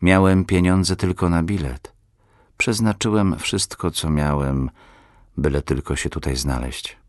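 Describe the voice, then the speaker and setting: A man voicing a poor, embarrassed male traveler who answers quietly, almost in a whisper. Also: deep voice, a little slow, no echo, studio quality. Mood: ashamed. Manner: quiet, near whisper, ashamed.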